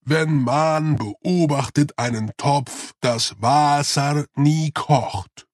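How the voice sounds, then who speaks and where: A man voicing a slow, gentle male yeti who speaks with odd word order. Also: a little high, no echo, clean studio sound. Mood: ponderous.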